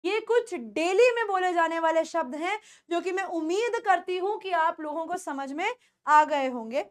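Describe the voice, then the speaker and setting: A woman with an Indian accent teaching spoken English pronunciation, repeating words slowly and quizzing her students. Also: extremely high pitch, animated. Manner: drills words by repeating them slowly, asks the class questions.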